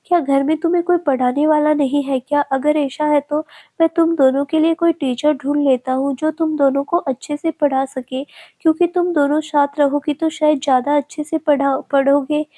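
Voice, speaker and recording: A woman reading the lines of a middle-aged male professor who gently scolds two girls in a storybook tale. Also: high-pitched, fairly even intonation, moderate pace, close to an everyday voice. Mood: teasing. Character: kindly middle-aged male professor, stern but amused.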